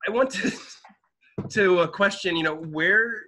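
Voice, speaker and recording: Bright, fairly high-voiced man in podcast chat. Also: unhurried. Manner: thinks aloud, speculative, restarts sentences. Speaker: podcast co-host.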